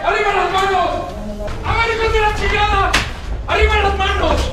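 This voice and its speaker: A very high-voiced man yells rowdy chants at a party. The sound is very echoey, with music behind. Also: fairly even intonation, moderate pace, distant mic. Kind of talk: shouted party hype.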